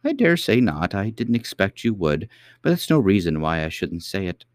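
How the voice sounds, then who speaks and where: A man voicing a kindly, very old queen who is the girl's great-great-grandmother, speaking gently and patiently. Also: deep voice, big pitch swings, moderate pace, no echo, voice pushed up. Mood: gentle.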